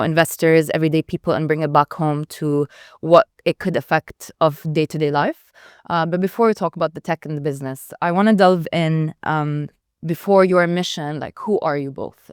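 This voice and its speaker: A woman's voice: low voice, clear, resonant tone, dry recording, clean studio sound. A young woman moderating a panel, asking questions in a chatty, filler-heavy way.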